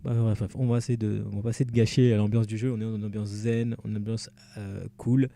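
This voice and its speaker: Mellow-voiced man rambling through a let's play. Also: on the low side, flat delivery, a little fast, gravelly. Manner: casual, rambling, self-deprecating, many fillers and restarts. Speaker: gamer playing through a game. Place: at home, alone at night. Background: faint background music.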